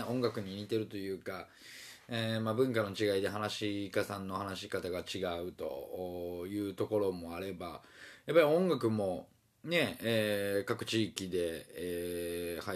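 A man from Osaka with a Kansai accent, talking alone in a meandering, casual way with many fillers and pauses. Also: sits low. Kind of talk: casual solo talk.

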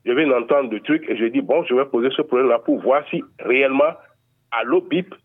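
A man's voice: mid-range voice, a little fast, breathy edge. A man from Benin, phoning a radio show to lay out a neighborhood complaint in a formal, step-by-step way with small hesitations, heard over a telephone line. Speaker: radio call-in listener. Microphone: telephone handset. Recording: narrow tinny phone line.

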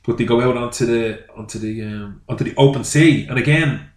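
A man with a mid-range voice tells film-set stories in a relaxed co-host chat and often trails off mid-sentence. He is from Ireland, and his voice rings in an echoey room. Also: mid-range voice, brisk. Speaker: podcast co-host.

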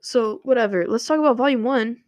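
A woman's voice: on the high side, a little fast, no room sound. A young woman chatting casually to her viewers, rambling with lots of filler words. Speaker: vlogger. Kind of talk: casual commentary. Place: home room with running water nearby.

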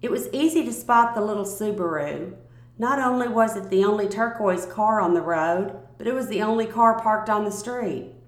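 A woman narrating a first-person story aloud in a calm, measured reading voice. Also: mid-range voice. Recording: roomy, echoey recording.

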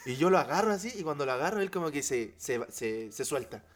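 A young man with a Chilean accent, telling a funny story on a podcast in an animated way and acting out the scene as he goes. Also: on the high side, fast talker. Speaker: podcast co-host. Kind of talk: casual storytelling chat.

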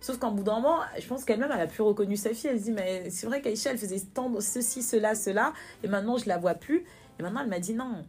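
Soft music plays behind a young woman with a husky, medium-pitched voice who talks quickly in a frank interview. She is sincere, gets animated when recounting things, and uses repetition for emphasis.

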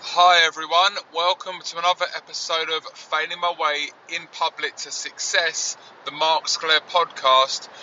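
A podcast host talks in an earnest, rambling way from inside a moving car. His voice has a very bright, sharp edge and comes through fuzzy and distorted. Faint road noise hums beneath it. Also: a little high, level tone, unhurried, hardly any pauses, far from the mic, muffled recording. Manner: reflective, earnest, rambling restarts. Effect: fuzzy distorted sound. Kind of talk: casual spoken monologue. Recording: distorted, noisy in-car recording. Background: faint road and engine noise.

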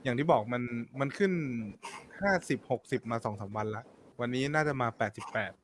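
A man who is a podcast guest, explaining things step by step in a relaxed, casual chat. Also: medium pitch, a little fast, a little hiss or hum.

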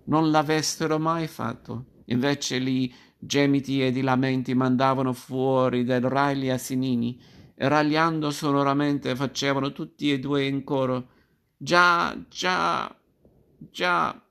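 A man reading a classic fairy tale aloud, narrating in a measured, expressive storytelling manner. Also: medium pitch, smooth.

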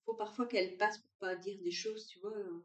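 A woman chatting at a brunch, lively, often acting out what others say. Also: mid-range voice, normal speed, distant mic. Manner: animated, acts out what others say. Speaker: guest sharing her story. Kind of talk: casual chat. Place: room at a brunch. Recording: roomy sound, away from the mic.

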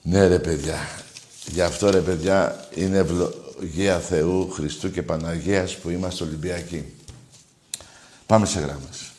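A man's voice: deep voice, fairly even intonation, darkish tone, roomy sound, a little hiss or hum. A man hosting a call-in radio show, telling stories animatedly and teasing callers. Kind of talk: casual call-in radio chat.

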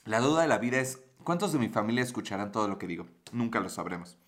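A fast-talking, expressive man with a lowish voice and a Mexican accent hosts a casual livestream. A bit tipsy, he rambles in slang, swears, and reads viewer comments out loud.

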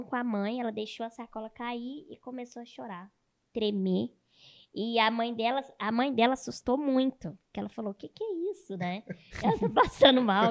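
A young woman guest in a casual interview, telling a story with energy and adding little tag questions. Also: a little high. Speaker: guest, content creator.

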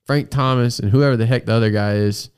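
A man's voice: mid-range voice, steady tone, fairly quick, a little mellow, smooth, no room sound, studio quality. An American man hosting a casual, joking talk podcast with a froggy, congested voice from a sinus infection, speaking in an emphatic, self-deprecating way. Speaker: podcast host.

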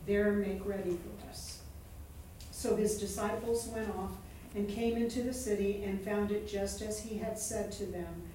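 A woman in a Bible study group reading a scripture passage aloud in a steady, even way. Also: mid-range voice, measured pace, a little hiss or hum. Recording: distant voice in an echoey room.

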